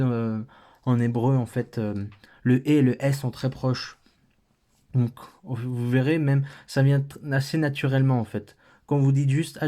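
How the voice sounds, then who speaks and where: Slow, patient French-accented man teaching. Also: medium pitch, mellow. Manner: patient, thinking aloud with fillers. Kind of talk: slow step-by-step lesson.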